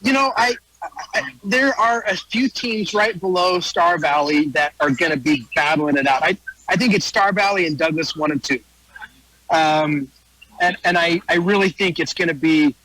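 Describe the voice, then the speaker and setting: High, bright-voiced American man, folksy sports talk. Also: no room sound, low-quality recording. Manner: folksy, repeats phrases for emphasis. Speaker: wrestling announcer and guest analyst. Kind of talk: casual sports preview interview.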